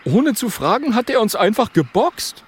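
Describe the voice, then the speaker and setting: A man voicing a loud, cheerful small male dragon who blusters and boasts. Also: sits high, very animated, moderate pace, a little hiss or hum, voice pushed up. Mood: boisterous. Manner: boisterous, blustery.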